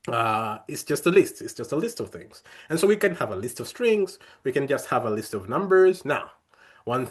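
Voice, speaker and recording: Lively young man teaching coding. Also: fairly high pitch. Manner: friendly, talks through steps with frequent fillers and restarts. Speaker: coding workshop instructor. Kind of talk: live coding tutorial.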